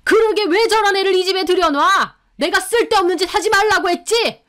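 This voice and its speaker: A woman's voice: very high-pitched, fairly quick, fairly bright tone, voice pushed up. A woman doing a blustering old father-in-law. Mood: angry. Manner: blustering, scolding.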